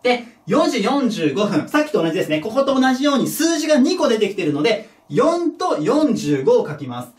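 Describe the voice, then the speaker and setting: A man teaching a junior high English lesson at a board, patient and step-by-step, checking in with his students and joking about his own mistakes. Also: very animated, brisk, few pauses, far from the mic. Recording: echoey room, voice from off the mic.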